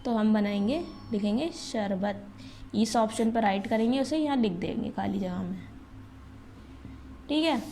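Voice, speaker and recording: A female teacher patiently works through a school lesson step by step, posing questions to the class and answering them herself. Her voice is medium-pitched and warm, with a measured pace and long pauses, and a faint hiss or hum runs underneath.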